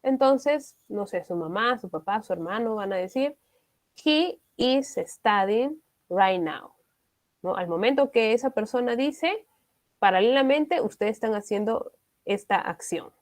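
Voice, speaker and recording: A woman's voice: a little high, expressive, normal speed. A woman, teaching an online English class. She explains step by step and often checks in with her students.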